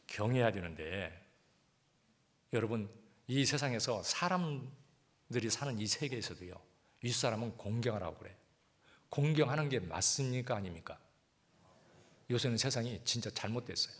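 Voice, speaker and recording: Male pastor mid-sermon, lively rising and falling delivery, talks with the congregation. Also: medium pitch. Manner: lively, conversational preaching with rhetorical questions. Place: church hall.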